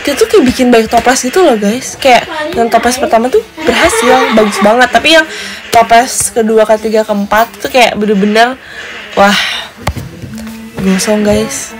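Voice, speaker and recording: A woman's voice: a little high, normal speed. Giggly young woman chatting to viewers. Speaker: live streamer. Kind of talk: casual livestream chat. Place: bedroom at home. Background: music.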